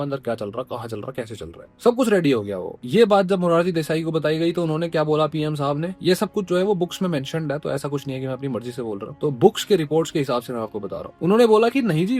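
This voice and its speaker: A man's voice: fairly high pitch, darkish tone. Man telling a history story casually. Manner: conversational, explaining to the viewer. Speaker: host.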